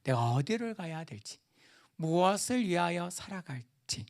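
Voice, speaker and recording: Animated preaching man. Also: sits high, unhurried, gravelly. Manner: animated preaching with sudden loud rises and soft drops; asks the congregation questions. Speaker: pastor. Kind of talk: sermon.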